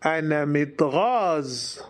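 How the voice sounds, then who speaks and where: This is a man teaching his language, with an Egyptian Arabic accent. His voice sits a little high for a man, and his delivery is extremely slow. He answers each phrase by repeating it in its male form. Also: expressive. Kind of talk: slow phrase drill for learners.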